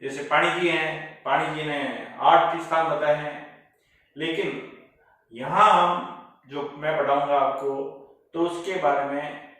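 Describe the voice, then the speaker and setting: Slow-spoken male teacher in echoey room. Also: a little high, fairly even intonation, sharp tone. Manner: slow, deliberate, spells out each part. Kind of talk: slow classroom lecture. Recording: echoey room, voice far from mic.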